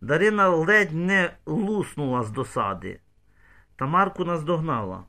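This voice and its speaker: A man narrating an audiobook in an expressive storytelling manner. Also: on the high side, measured pace. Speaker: audiobook reader. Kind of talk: scripted narration.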